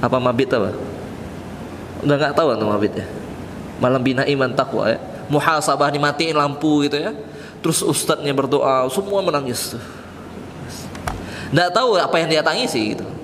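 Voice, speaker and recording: Ustaz with a higher voice in an echoing mosque. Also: male voice. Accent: Indonesian. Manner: conversational, recites Arabic quotes slowly, acts out feigned piety. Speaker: ustaz giving a mosque study session. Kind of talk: casual sermon. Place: mosque hall. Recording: reverberant mosque hall with faint background noise.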